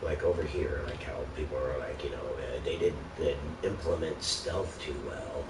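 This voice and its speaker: Man, low-pitched, exasperated gaming rant, sarcastic, heavy swearing, distant mic, noisy recording. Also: normal speed, gravelly. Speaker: video game ranter. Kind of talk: casual, profanity-laden gaming rant. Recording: roomy, noisy, distant microphone.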